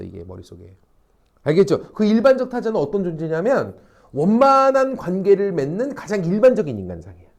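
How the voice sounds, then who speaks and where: A man teaching a high school social studies class, animated, constantly checking understanding with rhetorical questions and acting out quoted reactions with crude slang. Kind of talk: lecture to high school students.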